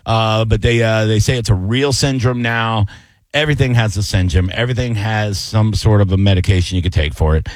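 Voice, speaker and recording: A man's voice: lowish voice, brisk, no echo. A middle-aged man hosting a radio call-in show, joking casually with his co-host and callers. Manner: laid-back, joking, calls people bro and dude.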